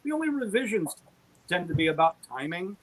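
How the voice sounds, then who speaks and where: Brisk and very animated, a middle-aged man with a high-pitched voice chats as a guest on an online interview about his work producing audio dramas. He rambles happily and makes fun of himself while telling stories, and the recording is rough.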